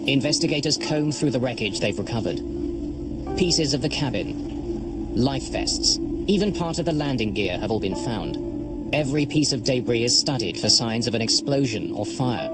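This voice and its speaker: A man's voice: medium pitch, lively intonation, normal speed. A man delivering scripted documentary narration as the narrator. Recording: loud music bed behind narration.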